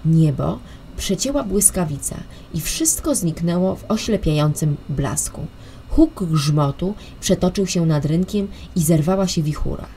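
Woman reading a children's story, lowish voice. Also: expressive, unhurried, dark tone, slight background noise. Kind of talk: children's audiobook narration.

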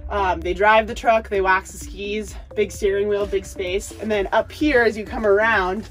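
A woman's voice: mid-range voice, fairly even intonation, normal speed, far from the mic, soft background music. Upbeat young woman giving a walking tour. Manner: upbeat, chatty, enthusiastic. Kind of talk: casual tour vlog. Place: ski service truck and apartment, indoors. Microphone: handheld phone camera.

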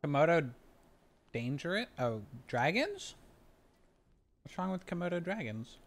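A man's voice: on the high side, unhurried. Young man chatting with his stream chat. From Taiwan. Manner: relaxed, chatty, reads and answers chat questions. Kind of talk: casual chat with viewers while playing a card game. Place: small room at home, indoors. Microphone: headset.

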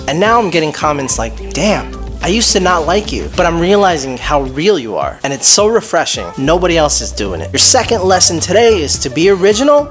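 A man in his thirties talks bluntly into a close handheld camera, his pitch swinging widely as he presses each point. He swears casually. Faint music runs beneath him. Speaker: motorcycle vlogger. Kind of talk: direct-to-camera vlog. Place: home living room and garage, indoors. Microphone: handheld wide-angle camera close up.

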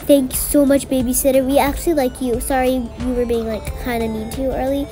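A woman's voice: sits high, flat delivery, brisk, over music, close to an everyday voice. A woman voicing bratty little girls in a storybook game, with a snotty, whiny way of talking. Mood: sweet.

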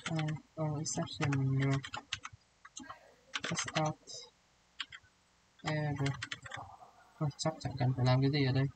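A man's voice: medium pitch, flat delivery, a little slow, long pauses, noisy background. Man thinking aloud while tutoring code. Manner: thinks aloud while typing, checks understanding often. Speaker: programming tutor. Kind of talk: casual one-on-one coding tutorial. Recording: music playing behind.

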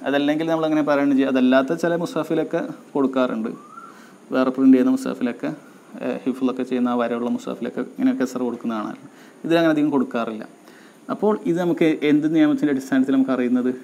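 Dark-voiced man teaching a grammar lesson. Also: medium pitch, level tone, a little hiss or hum. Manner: explains step by step, repeats key words slowly.

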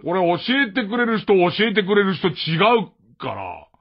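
A man's voice: high-pitched, very animated, moderate pace. A man from Tokyo with a Tokyo accent hosting a late-night radio show, rambling through a casual, self-mocking monologue with frequent chuckles. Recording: muffled mono radio archive.

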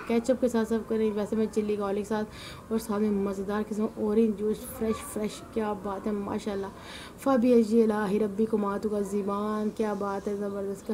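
A woman narrates her home cooking in an easy, chatty way, scattering devotional exclamations through her talk. She sounds tired and weary from fasting. The voice-over carries a clearly audible noise floor. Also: mid-range voice, warm tone, rough recording. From Punjab, Pakistan. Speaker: cooking channel host. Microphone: voice-over mic, not in the pictured kitchen.

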